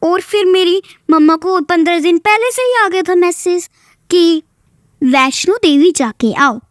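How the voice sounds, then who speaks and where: A woman's voice: very high-pitched, unhurried, no echo, clean studio sound. A young girl earnestly recounting a pilgrimage and school day, thanking her guru again and again. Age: child. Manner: earnest storytelling with devotional thanks; childlike, breathless retelling. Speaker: devotee sharing a testimony. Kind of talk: devotional testimony.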